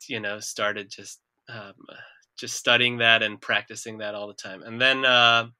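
A man, chatting casually as a musician guest in an interview, relaxed and self-deprecating. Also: on the low side, a little slow, clean tone, no room sound. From Israel.

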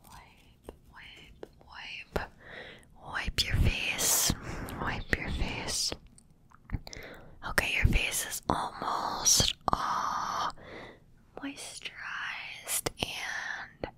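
A woman whispering softly through a whole ASMR roleplay, close to the microphone, repeating gentle words and coaxing the listener to relax. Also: extremely slow. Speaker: ASMR creator.

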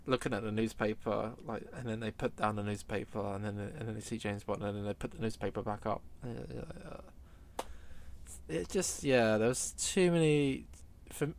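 A man co-hosting a casual film chat, opinionated and animated, stumbling over his words. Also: fairly low pitch, normal speed, creaky, slight background noise. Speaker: film podcast co-host.

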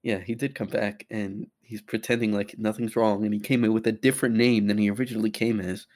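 A man's voice: on the low side, level tone, fairly quick, a little mellow. A young man co-hosting a casual podcast chat, dry and teasing. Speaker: podcast co-host.

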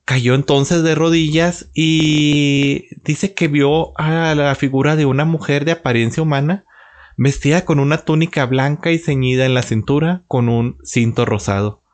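A man telling a religious story in an unscripted way, pausing often with filler sounds as he goes. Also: fairly high pitch, steady tone.

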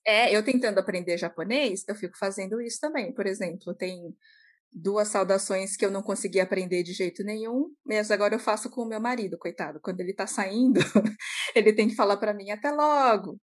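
A woman's voice: mid-range voice, a little fast. A woman co-hosting a podcast in casual chat, telling stories animatedly and laughing often.

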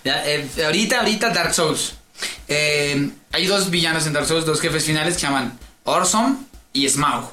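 Bright-voiced man telling stories. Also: a little high, normal speed, echoey room. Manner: animated storyteller, mimics accents. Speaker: podcast co-host. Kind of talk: casual chat.

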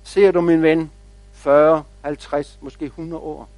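A man voicing a wise, fatherly old oak tree in a story, speaking slowly and softly in a lowered voice. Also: level tone, no echo, lightly acted, rough recording. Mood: wise, gentle. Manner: slow, low and hushed.

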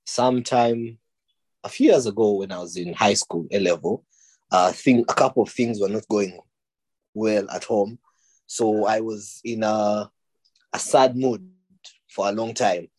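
A man's voice: on the low side, measured pace, pauses often, darkish tone. A young man from Uganda, a podcast guest who speaks casually and hesitantly. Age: young adult. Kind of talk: casual interview.

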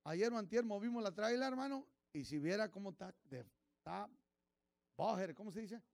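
High, gravelly preacher. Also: male voice, expressive, moderate pace, no echo. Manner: switches between Spanish and English, calls out congregation members by name; grows louder and more fervent as he preaches. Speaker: pastor. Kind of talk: sermon.

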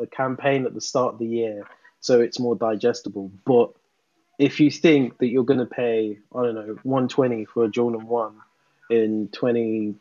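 A man's voice: medium pitch, a little mellow, no echo, muffled recording. A man talking casually in a panel discussion, laid-back and rambling with lots of fillers. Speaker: podcast co-host.

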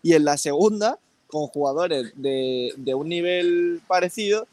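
A man's voice: on the high side, animated, unhurried, darkish tone. A man on a football debate panel who explains his view at length and disagrees firmly.

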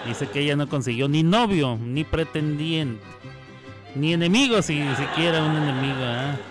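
A man's voice: fairly high pitch, normal speed. Playful Mexican-accented male radio host. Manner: playful, teasing, reads listener comments aloud. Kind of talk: casual radio chat. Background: music.

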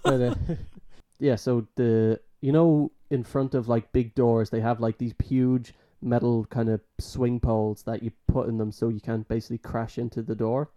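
A man talks loosely in casual conversation, padding his sentences with fillers and letting them fade. His voice is dark and mellow, never sharp. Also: mid-range voice, flat delivery, moderate pace, few pauses, highs cut off. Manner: rambling, filler-heavy, trails off quietly. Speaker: college student. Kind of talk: casual chat.

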